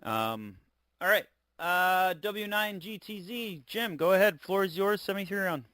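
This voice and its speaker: A man hosting an amateur radio check-in net as net control, speaking in an informal, halting way. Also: sits high, expressive, heavy background noise.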